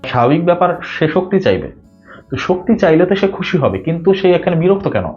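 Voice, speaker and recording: A man's voice: high-pitched, sing-song, a little fast. A man with a Bangladeshi Bengali accent giving a spiritual talk, arguing with many rhetorical questions. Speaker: spiritual speaker. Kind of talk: spoken religious talk. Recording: dull lo-fi audio with faint guitar music.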